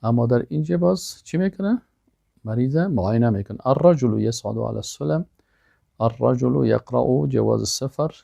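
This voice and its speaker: A male language teacher, his voice mellow and gravelly. He says vocabulary words one at a time, then explains them in plain speech. The sound is close and dry. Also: mid-range voice, dry recording. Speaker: Arabic teacher. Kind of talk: language lesson with pronunciation drills.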